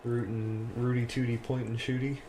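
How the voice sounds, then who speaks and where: Goofy guy on a podcast, normal pitch, little hiss behind. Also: little pitch movement, normal speed, warm tone. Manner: goofy, playful. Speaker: podcast co-host. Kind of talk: casual chat.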